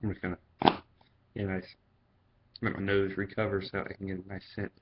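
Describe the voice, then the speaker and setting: A man's voice: low voice, monotone, a little fast, heavy background noise. A man giving a casual, chatty product review in vlog style. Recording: dull, lo-fi sound.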